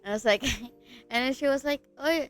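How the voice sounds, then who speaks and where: A woman's voice: a little high, moderate pace, faint music behind. A woman with a Filipino accent chatting casually on a livestream, giggling often, her voice stuffy and congested from a cold. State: stuffy nose, sick voice. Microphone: streaming mic.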